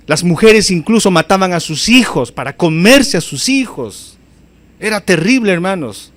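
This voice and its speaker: A man's voice: high voice, expressive, moderate pace, fairly bright tone. A man preaching a sermon as pastor, emphatic and often calling out to his listeners as brothers and sisters, his voice rising sharply on key phrases.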